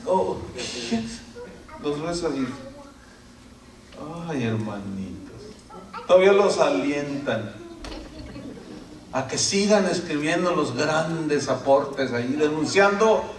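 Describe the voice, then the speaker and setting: Brief: middle-aged pastor, high voice, sermon acting out members, echoey hall, mic set back. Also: male voice, recorded from a distance, slight background noise. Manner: animated, acts out quoted church members in changing voices. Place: church hall.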